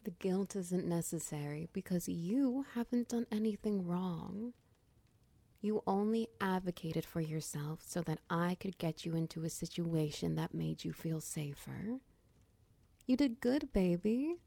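A woman playing a gravelly-voiced doting girlfriend. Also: on the low side, animated, no room sound, heavily acted. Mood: soothing. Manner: soft, slow, reassuring, half-whispered. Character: tender protective dominant girlfriend, doting and patient. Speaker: audio roleplay performer. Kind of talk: whispered ASMR comfort roleplay.

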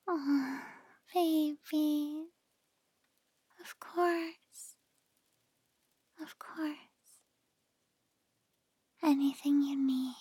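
Woman acting as loving gf ASMR role-play, right in your ear, super slow n soothing, high soft voice, lulling you to sleep. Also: no room sound. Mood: soothing, reassuring. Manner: close, right in the listener's ear. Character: tender, reassuring female partner lulling a loved one to sleep.

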